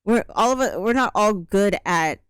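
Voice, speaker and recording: A woman's voice: medium pitch, expressive, moderate pace, smooth, no echo, clean studio sound. A woman in her thirties co-hosting a podcast in casual chat, talking in an easygoing, rambling way with plenty of fillers. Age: 30s. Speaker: podcast co-host.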